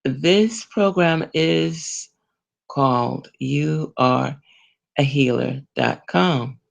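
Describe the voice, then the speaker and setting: Lady reverend hosting a spiritual show, really gravelly voice, smiley and gentle, takes it super slow. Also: a bass voice, muffled recording. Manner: smiling, gentle, meditative. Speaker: reverend and host of a spiritual program. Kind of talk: slow spiritual broadcast talk.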